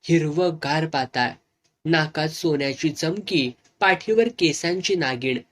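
Earnest serial-novel storyteller, steady delivery. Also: medium pitch, unhurried.

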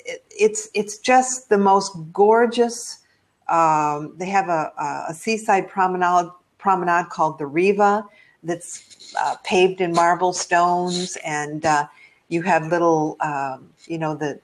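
An older American woman, a travel blogger, telling travel stories in a video call interview, chatty and full of ums. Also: on the low side. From United States. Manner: warm, chatty storytelling with frequent ums. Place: living room at home.

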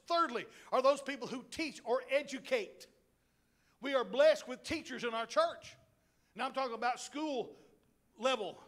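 A middle-aged male pastor preaching a sermon in a church, animated and joking, with asides to the congregation. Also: extremely high pitch. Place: church sanctuary.

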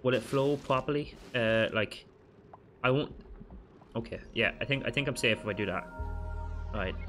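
This let's play commentary comes from a man hosting a gaming channel, frantic and cursing as he addresses himself and his audience at a moderate pace, his voice a bit bright. His pitch shoots up sharply when he panics, and faint music plays behind him.

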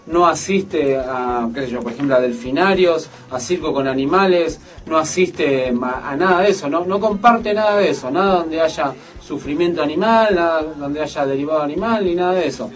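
A man, a guest on a radio show, explaining his work at a measured pace while he thinks aloud. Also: fairly high pitch, far from the mic. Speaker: interview guest. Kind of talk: radio interview. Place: radio studio.

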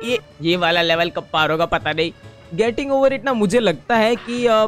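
A young man giving excitable, casual commentary while playing a game, talking to his viewers and scolding the game. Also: sits high. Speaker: gaming YouTuber.

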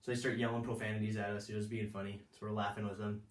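A man with a lowish voice tells a personal story, looping back and restarting his sentences. The room is roomy and echoing. The mic sits some distance from him. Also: flat delivery, rapid-fire. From United States. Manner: rambling, many restarts and fillers. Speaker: vlogger giving life advice. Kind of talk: casual storytelling monologue.

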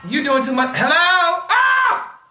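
A young man hosting a movie reaction video, loud and dramatic, swearing and shrieking at the screen. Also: extremely high pitch, big pitch swings, takes it slowly, roomy sound, distant mic, faint music behind.

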